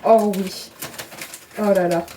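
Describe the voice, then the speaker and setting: A woman chatting casually as she unboxes items at home on her bed, gushing and excitable, with plenty of fillers. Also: medium pitch, slow, background noise. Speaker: vlogger.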